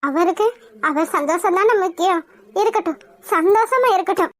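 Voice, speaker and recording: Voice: extremely high pitch, moderate pace, fairly bright tone, no room sound. A performer voicing a grieving, devout young woman in a cartoon drama, pleading with god in anguish. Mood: sorrowful.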